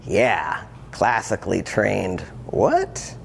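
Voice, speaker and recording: A man's voice: on the low side, wildly swooping pitch, very slow, creaky, slight background noise. A man in his fifties, a transformational coach, telling his personal story to an audience with earnest reflection and wry humor. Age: 50s. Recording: long hall reverb, faint ambience.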